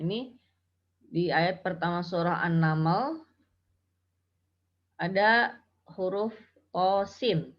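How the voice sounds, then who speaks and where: A woman teaching Quran recitation rules, explaining patiently and chanting example syllables. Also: lowish voice. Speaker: tajwid teacher. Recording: dull lo-fi audio.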